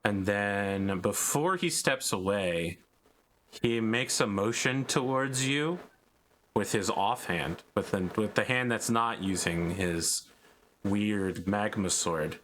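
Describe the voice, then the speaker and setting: A man acts as game master, narrating a tabletop game in a casual way. His voice sits a little low, and faint noise runs behind it. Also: takes it slowly, a bit bright.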